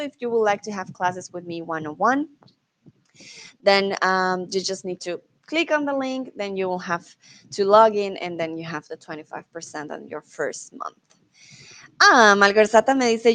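A woman's voice: mid-range voice, fairly bright tone. A woman teaching Spanish on a casual livestream, reading viewers' comments aloud, laughing often and trying out foreign words with hesitation.

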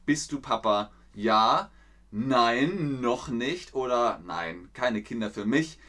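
A young man hosting a live lesson quiz, lively and encouraging, reading chat messages aloud and laughing often. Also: medium pitch, takes it slowly. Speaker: German teacher hosting a live class.

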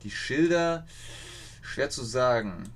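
A man's voice: mid-range voice, animated, takes it slowly. A young man streaming a geography guessing game, thinking aloud, reading viewers' chat and stumbling over foreign place names.

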